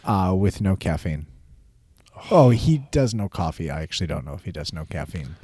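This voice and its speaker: A man's voice: deep voice, sing-song, moderate pace, mellow, slightly rough, no echo. A man co-hosting a podcast in casual football chat, laid-back, with lots of agreeing interjections and dry jokes. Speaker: podcast co-host.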